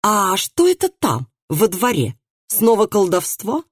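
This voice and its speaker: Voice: mid-range voice, wildly swooping pitch, a little slow, breathy edge, no echo, clean studio sound, pitched above the performer's own voice, heavily acted. A reader voicing a scoffing, hot-tempered man. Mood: scornful. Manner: scoffing, exasperated.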